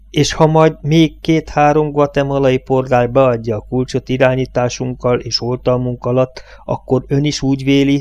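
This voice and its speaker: A man's voice: medium pitch, mellow, no echo, close to an everyday voice. A man voicing a blunt, scornful oil company boss who is Irish in the story, read as an audiobook character voice. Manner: blunt, sneering, rough-spoken.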